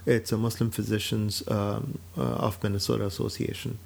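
A man in his forties from Pakistan speaks in a low, somewhat gravelly voice. He talks in a measured, steady way about his work as a physician, with frequent fillers along the way. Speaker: physician and clinic director. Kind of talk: personal account to camera.

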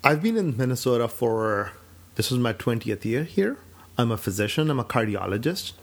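A man in his forties from Pakistan, a physician and clinic director, talking about his life and work in a measured, steady way with frequent fillers. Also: medium pitch. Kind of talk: personal account to camera.

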